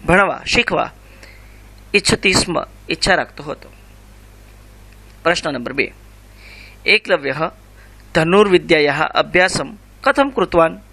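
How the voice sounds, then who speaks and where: A man, teaching a school revision lesson, reciting and explaining slowly and carefully. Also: high voice, sharp tone. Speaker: Sanskrit teacher.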